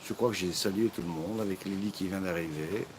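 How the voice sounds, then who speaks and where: Man, rambling live-stream chat, fairly deep voice, noisy ambience behind. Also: fairly quick. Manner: jokey, rambling, with many fillers and restarts. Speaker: live-stream cooking host. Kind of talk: casual live-stream chat, greeting viewers from the chat. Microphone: phone streaming over 4G.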